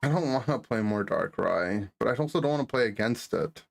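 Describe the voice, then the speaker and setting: A man's voice: lowish voice, animated, brisk, gravelly, noisy background. Teasing male game streamer. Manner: teasing, reads and answers chat. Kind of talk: casual live-stream commentary.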